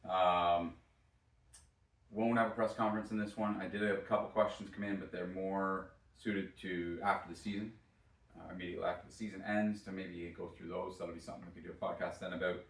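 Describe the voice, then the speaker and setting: A hungover man hosting a casual sports podcast solo, talking in a halting, hesitant way. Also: deep voice, flat delivery, a bit bright. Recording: roomy echo, distant from mic.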